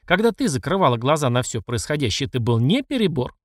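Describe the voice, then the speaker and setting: A man's voice: mid-range voice, big pitch swings, quick pace, no room sound, studio quality. A man voicing a furious middle-aged emperor who scolds and accuses his mother. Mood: angry. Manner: angry and accusing.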